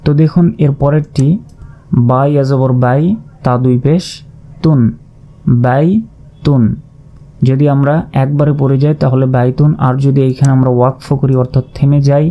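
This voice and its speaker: A man teaching Quran recitation in a slow, methodical lesson, spelling out letters and vowel marks, then drawing out each word. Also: medium pitch, steady tone. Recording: dull lo-fi recording.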